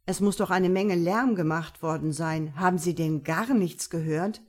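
A woman's voice: fairly low pitch, normal speed, natural voice. Woman reading a formal male police investigator. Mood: matter-of-fact.

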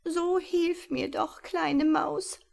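A woman doing a pleading barn owl, high and tearful. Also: steady tone, very slow, creaky, exaggerated voice. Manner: pleading, tearful, later gentle and solemn. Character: desperate, then grateful female barn owl. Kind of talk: storybook reading.

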